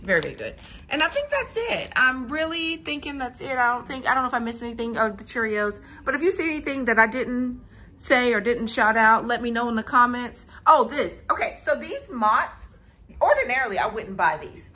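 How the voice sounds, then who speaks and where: A woman's voice: on the high side, fairly quick. Chatty woman filming her grocery haul. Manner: chatty, animated, talks straight to viewers. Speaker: family vlogger. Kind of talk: casual grocery haul vlog. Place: home kitchen, indoors. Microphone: phone camera held close.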